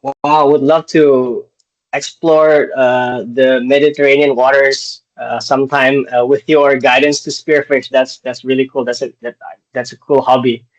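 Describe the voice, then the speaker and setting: A man's voice: mid-range voice, little pitch movement, normal speed. A man from Indonesia hosting a podcast interview over a video call, hesitant and full of filler words. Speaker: podcast host. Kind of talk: casual interview. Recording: dull lo-fi video call audio.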